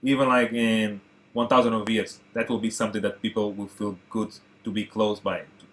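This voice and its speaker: A man from Portugal in his thirties, a native Portuguese speaker, chatting excitedly to viewers as he reacts to an old film. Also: fairly low pitch, normal speed. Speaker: movie reaction host. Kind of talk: casual reaction commentary.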